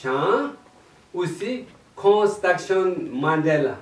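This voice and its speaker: A man with a Tibetan accent introducing a chant evening to an audience in halting, laughing French. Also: sits high, lively intonation. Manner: broken French, slow, laughing often. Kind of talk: halting explanatory talk to an audience. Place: meditation centre hall, indoors. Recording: roomy distant hall mic with faint noise.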